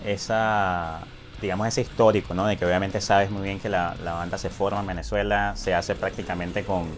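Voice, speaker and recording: A male host runs a casual interview, rambling at length and relying heavily on filler words. His voice is low and level at a normal speed, with soft music in the background.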